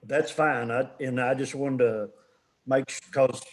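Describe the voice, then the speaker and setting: A man with a Kentucky accent speaks as a homeowner before a city board. He talks in halting phrases with many restarts, at a mid pitch. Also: steady tone. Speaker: homeowner applicant. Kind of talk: public meeting discussion.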